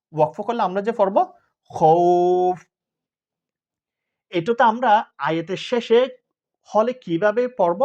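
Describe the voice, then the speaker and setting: A man's voice: high voice, dull audio. A man teaching Quran recitation step by step, patiently spelling out letters and then drawing out the recited words. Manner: spells out letters slowly, then sings out the drawn recited word; patient, repetitive teaching, addressing viewers directly.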